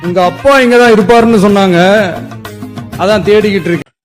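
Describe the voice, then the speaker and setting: An actor playing a loud, taunting man hunting for someone's father in a film scene. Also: sits high, brisk, faint music behind, close to an everyday voice. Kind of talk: film dialogue.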